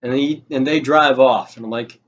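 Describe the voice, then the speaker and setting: Speaking in a steady, medium-pitched tone at a moderate pace, a young man relates a personal story, cursing and sounding fed up as he mimics other people's words. The audio comes across dull.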